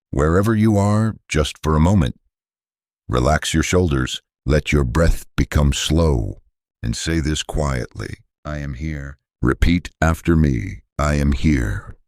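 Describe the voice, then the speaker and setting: Male English teacher, extremely deep voice, dry close sound, gentle soothing delivery for a repeat-after-me lesson. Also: dry recording. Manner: gentle, soothing, deliberate phrasing.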